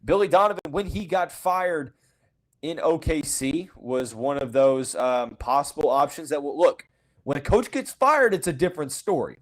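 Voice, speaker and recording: In poor audio, a sports podcast host with a slightly high voice talks at a moderate pace, hiccuping as he goes. His casual monologue is blunt and full of opinions, peppered with "you know" and false starts, and he insists he just calls it as he sees it.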